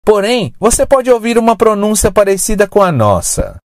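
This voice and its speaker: An English teacher narrating a scripted lesson, modelling words slowly and clearly. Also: mid-range voice, very animated, a little mellow, no echo, studio quality. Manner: slow, clear, drawn-out word modelling.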